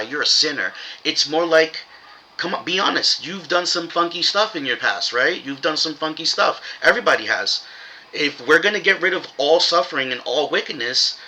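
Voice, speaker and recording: Bright-voiced man, casual and informal, rambling spiritual commentary. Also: mid-range voice, poor audio. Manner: rambling, informal, with fillers and swearing. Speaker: religious commentator.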